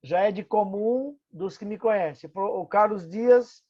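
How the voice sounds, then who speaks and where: High-voiced talkative older man on call. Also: a little slow. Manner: talkative, self-deprecating, offers help repeatedly. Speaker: municipal housing official. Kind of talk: online webinar discussion. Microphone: video call. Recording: dull lo-fi video call audio.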